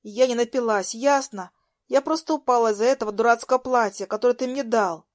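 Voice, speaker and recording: A defiant young woman snaps back in a raised, angry voice, as a woman narrator plays her. She sounds fed up and sharp, and she argues hard. The recording is dry and close. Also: a little high, unhurried, no room sound, close to an everyday voice. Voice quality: raised, snapping voice.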